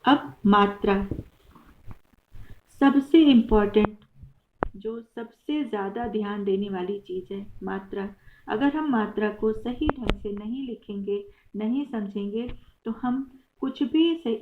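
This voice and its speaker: A woman teacher giving a patient grammar lesson, explaining slowly with many examples. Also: medium pitch. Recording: tinny phone-like recording.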